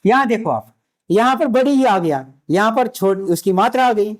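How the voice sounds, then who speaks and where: A man teaching Urdu script in a classroom lecture, patient and repetitive, spelling letters out slowly. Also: sits high, lively intonation. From India.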